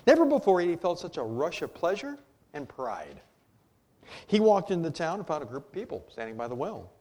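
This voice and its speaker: A man's voice: on the high side, sing-song, fairly quick, a little mellow. A male pastor preaching a sermon, telling a story and reading scripture aloud in old-fashioned wording.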